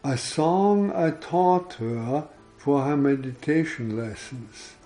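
A man reading aloud the words of an older woman who survived a bombing, speaking slowly and quietly. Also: a little high, faint music behind. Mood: grave.

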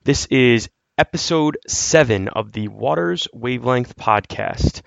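A man's voice: mid-range voice, expressive, unhurried, vocal fry, a bit bright, no echo. A man hosting a podcast in a conversational style, introducing topics and putting questions to his co-host. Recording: dry, dull lo-fi audio.

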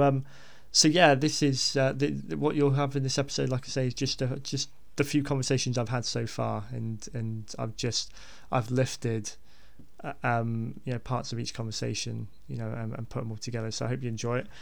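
A man speaks as a podcast host in a casual, unscripted style. His voice has a lot of fry and stays fairly even in pitch. He rambles hesitantly, often repeating words as he goes. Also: normal speed.

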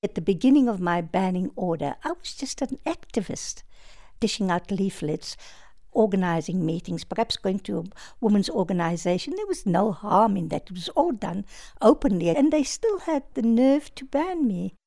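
An older woman from South Africa talks about her past in a calm, measured way. Her voice sits at an ordinary middle pitch. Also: vocal fry. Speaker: interviewee, former activist. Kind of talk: recorded interview, reflective.

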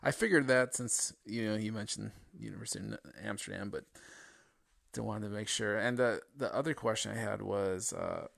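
Gravelly casual male interviewer. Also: fairly low pitch, moderate pace, fairly bright tone, no room sound. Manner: casual, rambling questions with fillers. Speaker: interview host. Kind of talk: conversational interview questions.

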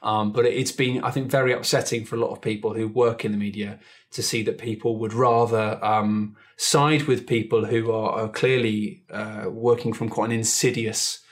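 Male podcast host, thoughtful, halting, many restarts. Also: fairly low pitch, steady tone. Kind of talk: casual panel chat.

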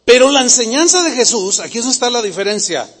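High-voiced pastor preaching. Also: male voice, big pitch swings, fast talker, fairly bright tone, husky. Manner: emphatic, repetitive, questions the congregation. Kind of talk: sermon. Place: church hall. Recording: long hall reverb.

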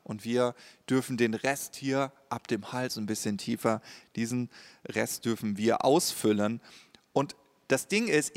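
A man's voice: medium pitch, creaky. A man preaching a sermon in an earnest, conversational way, often checking in with his listeners with a questioning "ja?". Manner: slow, earnest, with frequent rhetorical "ja?".

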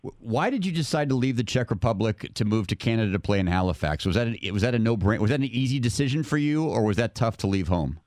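A male radio host with a fairly low voice puts questions to a caller. He tends to stumble and repeat a word before his questions get going. The studio sound is close and dry. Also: expressive, fast talker, hardly any pauses, darkish tone, no echo. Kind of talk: radio interview.

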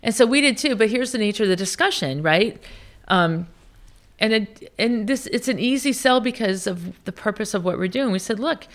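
Her mid-range voice is animated and moderately paced. She's a senior military officer from Iowa, late fifties, chatting openly in an interview and telling anecdotes while often restarting what she's saying.

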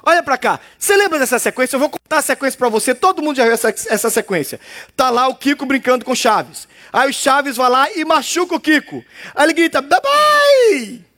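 A male pastor preaches in a playful, teasing, conversational way. His voice sits very high and swoops up and down. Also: lively intonation, fast, bright, forceful tone. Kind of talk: sermon.

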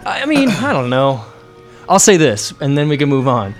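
A man's voice: a little high, wildly swooping pitch, normal speed, soft background music. A man player chatting and joking at a tabletop game table, with lots of fillers. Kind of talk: casual banter.

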